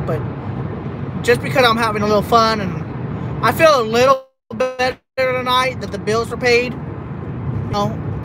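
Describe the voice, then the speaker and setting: A man from Texas, live streaming from his car while driving at night, rambling and repeating himself as he vents half-jokingly. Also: extremely high pitch. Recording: road noise from a moving car. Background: engine and road noise.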